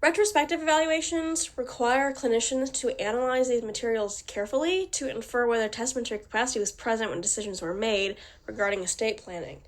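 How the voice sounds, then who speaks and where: Her voice a bit nasal because of a cold, a student presenter rushes through a formal class presentation with hardly any pauses, occasionally slipping and starting over. Her pitch is on the high side.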